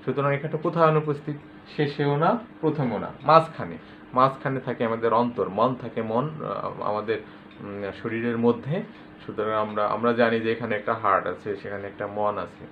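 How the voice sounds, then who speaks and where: A man teaching a grammar lesson to school students, patiently explaining and repeating example words with loud stress. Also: lowish voice, moderate pace, a little hiss or hum. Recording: tinny lo-fi phone-like recording.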